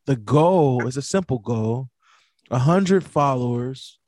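A man's voice: medium pitch, expressive, slow pace, a little mellow, dry recording. A man hosting a casual podcast chat, stumbling over and repeating his words. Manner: stammering, repeats words, laughs easily. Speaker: podcast host.

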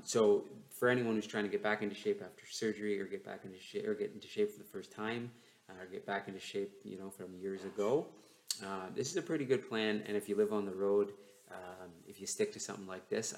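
A man hosting a casual solo podcast, his enunciation slightly stiff from a sore, numb jaw. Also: on the low side. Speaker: podcast host. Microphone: newly bought microphone, not laptop mic. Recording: roomy, echoey home microphone recording.

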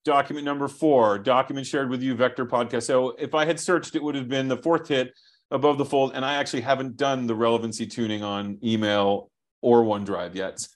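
A man, a software company founder, talking over a video call while he shares his screen and explains his product, brisk and thinking aloud with restarts. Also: medium pitch, fairly even intonation. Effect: heard over a video call.

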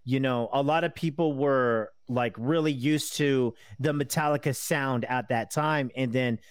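A man's voice: mid-range voice, unhurried, smooth, no room sound. A man in his thirties talks casually as a guest. He rambles, halts and circles back through plenty of fillers and restarts. His voice sits in an ordinary middle register, recorded dry and close. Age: 30s. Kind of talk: casual conversation.

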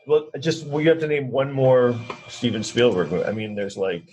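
A man's voice: medium pitch, expressive, normal speed, darkish tone, rough recording. A man hosting a podcast, chatting casually and comedically in a teasing, incredulous way, with faint noise in the recording. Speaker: podcast host. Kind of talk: casual comedic interview chat.

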